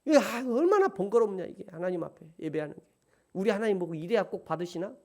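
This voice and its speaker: A man preaching a sermon in a high, light voice. He talks in an animated way and builds up to emphatic peaks. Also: quick pace. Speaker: pastor.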